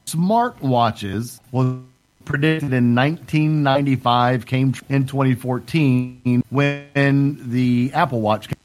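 A man's voice: medium pitch, slow pace, soft background music. Man on a glitching, cutting-out call. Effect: glitching, cutting-out audio from a bad internet connection. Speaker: podcast co-host calling in remotely. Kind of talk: casual podcast banter. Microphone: remote call connection.

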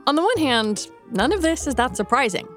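A woman's voice: sits high, sing-song, fairly quick, a bit bright, faint music behind. A woman hosting a podcast, reading scripted journalistic narration. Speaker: podcast host.

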